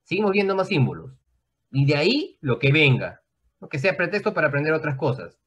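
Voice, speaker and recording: A man with a fairly high voice teaches a class over a video call. He explains at length in a loose, conversational way and keeps checking in with his students. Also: very animated, a little fast, fairly bright tone, husky. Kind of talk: online class lecture.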